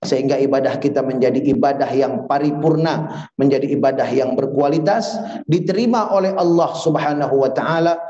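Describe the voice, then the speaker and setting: A man giving a religious lesson to a live audience. He keeps quizzing his listeners with quick questions and chants Arabic prayer phrases slowly. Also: medium pitch, dark tone. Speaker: religious teacher. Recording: echoey, slightly dull hall recording.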